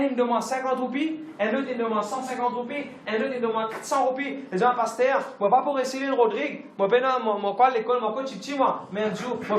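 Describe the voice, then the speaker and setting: A man's voice: very high voice, reverberant, a little hiss or hum. A man pastor, preaching a sermon emphatically with lots of repetition and English phrases mixed in.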